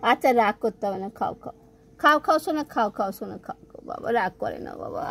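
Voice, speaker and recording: A woman's voice: mid-range voice, fast, gravelly, husky. A woman filming her pet cat at home, coaxing it to eat in cooing baby talk. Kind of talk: casual home video.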